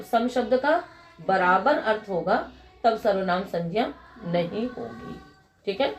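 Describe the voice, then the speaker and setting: A middle-aged woman giving a grammar lecture, asking her class questions and answering them herself, and reciting rules in a slow, measured chant. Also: a little high, darkish tone, slight background noise. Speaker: Sanskrit grammar teacher.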